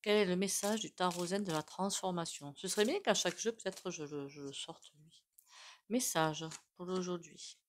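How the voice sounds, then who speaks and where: A woman's voice: fairly low pitch, moderate pace, a little hiss or hum. A woman doing a casual tarot reading, chatty and full of asides to her viewers. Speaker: tarot reader.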